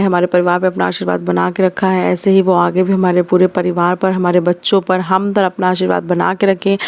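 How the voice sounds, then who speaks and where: A woman's voice: mid-range voice, darkish tone. A young woman chatting casually in a home vlog, talking to her viewers and asking them questions. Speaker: vlogger.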